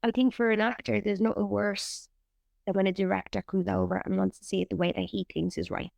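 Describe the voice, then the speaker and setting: A woman's voice: medium pitch, lively intonation, brisk, gravelly, a little mellow, dry recording, clean studio sound. A woman, an actor and writer, chatting candidly in an interview and swearing freely. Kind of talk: casual interview chat.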